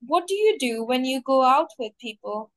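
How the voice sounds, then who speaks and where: A woman with a high voice runs a mock speaking test, putting each question clearly and at an even pace. The sound is dry and close, with no room around her. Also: moderate pace, dry recording. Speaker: English test coach.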